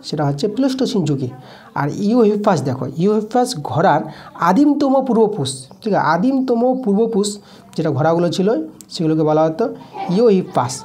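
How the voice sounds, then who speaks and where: A woman's voice: on the low side, lively intonation, fast talker, warm tone. A woman teacher giving an exam-prep lesson, repeating key terms and answering her own questions as she goes. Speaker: school science teacher.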